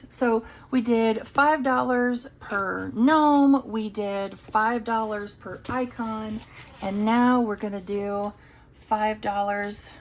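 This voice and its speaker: A woman's voice: medium pitch, slight background noise. A woman casually talking through her savings challenges, chatty and thinking aloud as she counts. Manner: chatty, talks to herself while counting. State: has the hiccups. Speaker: budgeting vlogger.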